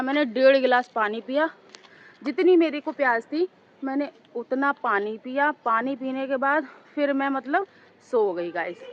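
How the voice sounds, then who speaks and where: Hoarse woman rambling to her viewers. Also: high-pitched, dull audio, a little hiss or hum. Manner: rambling, talks straight to viewers as "guys". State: hoarse, sore throat. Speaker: vlogger. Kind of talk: casual chatty vlog. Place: outdoors high up on a two-storey house.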